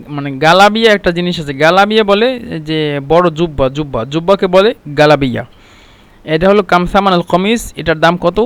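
A high-voiced man teaches a language lesson. He says each phrase more than once and then explains it. The sound is dry and close, with no room echo. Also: a bit bright. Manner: repeats each phrase slowly and translates it. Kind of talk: explaining Arabic phrases in Bengali.

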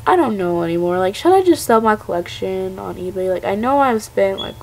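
A woman's voice: mid-range voice, expressive, fairly quick, a little mellow, slight background noise, low-quality recording. A young woman in her late teens with a stuffy, congested voice from a cold, ranting to camera in a rambling, exasperated way. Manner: rambling, filler-heavy, exasperated. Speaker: vlogger.

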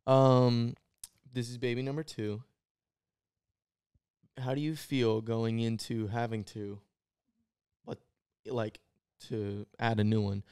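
A man's voice: fairly low pitch, a little mellow, clean tone, no room sound. A man in his twenties co-hosting a casual podcast chat with his wife, easygoing and teasing. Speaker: podcast co-host.

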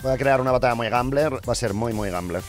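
The speaker is a young gaming streamer from Spain whose mid-range voice carries a Spanish accent and moves fast. His gameplay commentary is thrilled and excitable, broken by loud cheers and shouting, and he is losing his voice. Background music runs underneath.

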